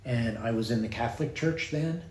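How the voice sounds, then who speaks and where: An older man, a priest from Baltimore with a slight Baltimore accent, telling stories in an unhurried, reflective way as a podcast guest. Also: medium pitch, darkish tone. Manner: reflective, unhurried, with small restarts. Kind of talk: relaxed storytelling interview. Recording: echoey room with faint noise.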